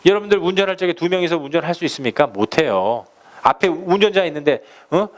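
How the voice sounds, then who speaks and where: A man's voice: a little high, animated, fast talker. A male pastor preaching a sermon, asking the congregation rhetorical questions and acting out quoted speech.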